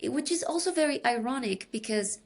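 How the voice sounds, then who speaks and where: A woman from Peru, explaining her academic research in a measured, thinking-aloud way as a podcast interview guest. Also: sits high, expressive.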